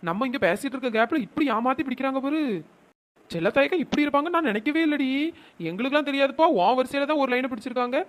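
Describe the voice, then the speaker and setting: A woman plays a scheming young village woman in a cartoon comedy, who keeps setting her neighbours against each other. She talks at a rapid clip, in a slightly high voice, sharp and teasing. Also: lively intonation. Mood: coaxing. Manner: scheming, scolding, quick village banter. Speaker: cartoon storyteller voicing the schemer Chinna Ponnu.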